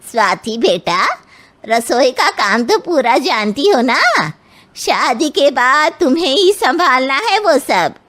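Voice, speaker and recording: A bossy, old-fashioned mother-in-law from a cartoon family tale, acted by a woman. She speaks very slowly in a high voice, probing and domineering as she sizes people up. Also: very animated, a bit bright, full character voice. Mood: bossy, satisfied. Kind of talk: animated moral story acting.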